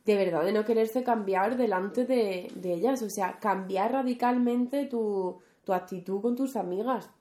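A young woman co-hosting a podcast in casual chat, dropping quick, teasing remarks. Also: medium pitch, dark tone. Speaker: podcast co-host. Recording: roomy echo.

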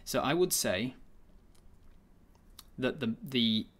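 A man narrating a tabletop game as game master, improvising haltingly and repeating words as he thinks aloud. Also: mid-range voice, expressive, fairly bright tone.

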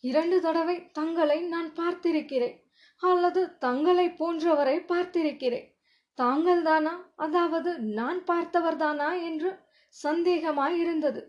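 A woman's voice: very high-pitched, fairly even intonation, measured pace. A woman reading the part of a cheeky young male warrior who talks in evasive, mock-humble riddles, on a dull lo-fi recording. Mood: sly. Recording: dull lo-fi audio.

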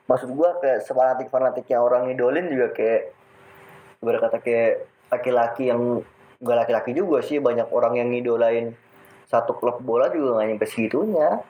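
A man speaking casual in a podcast chat, firing quick questions and interjections. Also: medium pitch, warm tone, poor audio.

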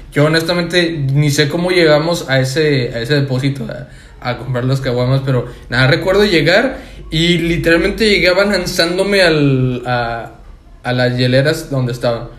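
A man's voice: a little high, moderate pace, a bit bright, reverberant. A young man with a Mexican Spanish accent, co-hosting a casual podcast chat in a laid-back, slangy way, often restarting his words. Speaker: podcast co-host.

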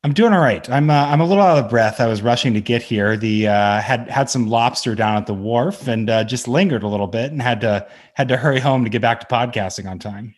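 A man's voice: medium pitch, fairly quick, hardly any pauses. A man co-hosting a podcast, telling stories in a rambling, self-correcting way. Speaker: podcast co-host. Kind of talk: casual podcast chat.

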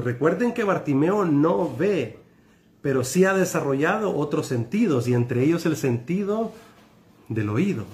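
Animated man preaching a sermon. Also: fairly high pitch. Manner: animated, frequent tag questions to listeners. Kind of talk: sermon to an online congregation.

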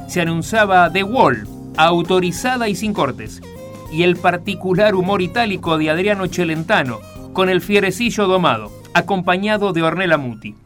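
A man with an Argentine accent narrates a scripted documentary-style look back at the year. His voice is high-pitched and a bit bright.

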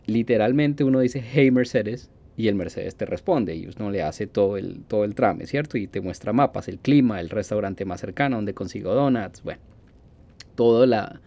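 A man in his forties with a Colombian accent talks through a casual podcast monologue. His voice is dark and gravelly, and he rambles, circling back with fillers and restarts. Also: lowish voice. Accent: Colombian Spanish. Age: 40s. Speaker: podcast host.

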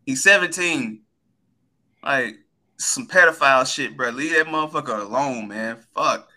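Guy going off like a bro on a podcast, super sharp voice, lots of slang and cussing. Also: medium pitch, a little slow. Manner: bro-style ranting, emphatic and profane. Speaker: co-host of a sports talk podcast. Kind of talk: casual, heavily slangy podcast banter.

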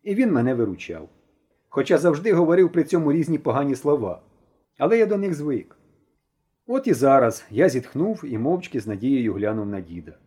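A man with a Ukrainian accent narrating a children's audiobook in the first person, with an expressive, animated delivery. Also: mid-range voice, fairly quick, breathy edge.

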